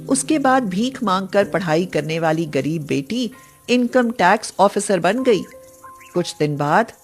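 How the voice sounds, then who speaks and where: A woman narrating a moral story in calm, steady scripted narration. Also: medium pitch, measured pace, faint music behind.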